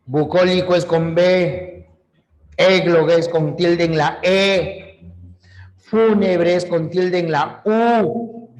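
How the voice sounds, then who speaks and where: A high-pitched man gives an online language lesson. He talks in an unhurried, deliberate way and explains terms to his students one by one. He addresses them directly, as if they were in the room with him. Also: steady tone, darkish tone. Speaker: language teacher. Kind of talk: online class lecture.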